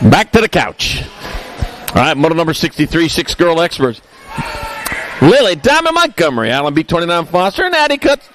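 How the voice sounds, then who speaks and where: A man with a high, fairly bright voice commentates a live race, reeling off riders and results with jokes mixed in. The recording is low quality.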